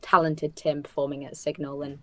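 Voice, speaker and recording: Low-pitched woman, chatty and upbeat, talking casually about her new musical. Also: little pitch movement, brisk, a crowd in the background. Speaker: musical theatre writer and co-creator. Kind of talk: casual chat.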